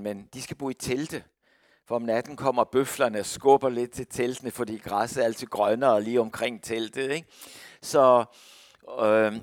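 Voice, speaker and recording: A middle-aged man and missionary, telling a personal testimony story in a lively way. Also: mid-range voice, dry recording, studio quality. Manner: lively storyteller who acts out quoted voices.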